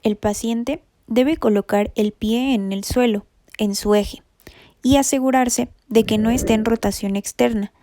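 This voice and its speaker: A woman narrates a rehabilitation lesson in a steady, methodical read. Her voice sits a little high yet sounds mellow and warm. She sounds like a studio voice-over. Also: unhurried. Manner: even, methodical reading of anatomy terms. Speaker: rehabilitation instructor. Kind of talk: scripted educational narration.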